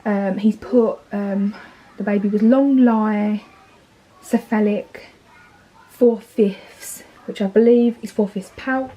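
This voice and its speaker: A woman's voice: mid-range voice, steady tone, takes it slowly, mellow, slight background noise, rough recording. A heavily pregnant woman in her thirties with an Essex accent, chatting casually in a vlog, rambling with fillers and restarts and sounding tired. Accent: Essex English. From England. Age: 30s. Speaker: vlogger.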